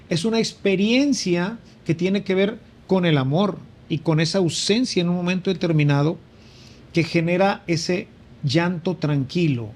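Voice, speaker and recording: A man's voice: high-pitched, a little mellow. A man, a priest sharing a conversational spiritual reflection and rising for emphasis. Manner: reflective, with frequent fillers and emphatic rises.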